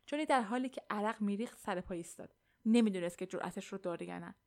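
A woman narrates a suspense novel in a steady, even reading voice. Her pitch sits in an ordinary middle range for a woman. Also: gravelly. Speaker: audiobook narrator. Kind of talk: scripted narration of a thriller.

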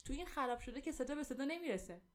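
A shrill, foul-mouthed aunt voiced by a woman narrator snaps insults at a child. Her voice sits high and bursts out sharply, full of harsh scolding. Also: animated. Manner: shrill, cursing, berating.

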